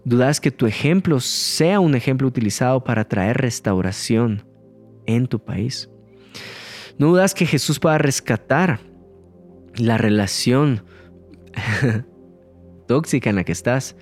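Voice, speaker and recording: A man preaching an emphatic sermon, swinging his pitch up and stretching words out to stress a point. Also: darkish tone. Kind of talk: recorded sermon.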